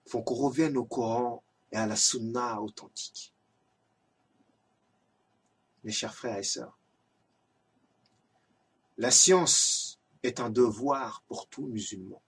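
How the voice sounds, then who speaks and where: A man's voice: medium pitch, slow, a bit bright, slightly rough, far from the mic. A man giving an earnest, exhorting religious reminder in an amateur home video. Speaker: lay preacher.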